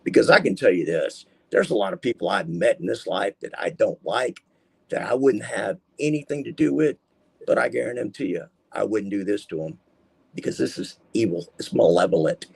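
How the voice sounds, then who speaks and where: Gravelly man telling his story. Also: on the low side, animated, moderate pace. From Texas, US. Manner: rambling, emphatic, acts out quoted voices. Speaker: podcast guest. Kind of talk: casual interview storytelling.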